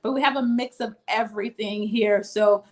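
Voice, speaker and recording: A woman's voice: medium pitch, moderate pace. Woman guest from Mississippi. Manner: relaxed, frequent ums. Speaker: guest, boutique owner. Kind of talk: casual interview.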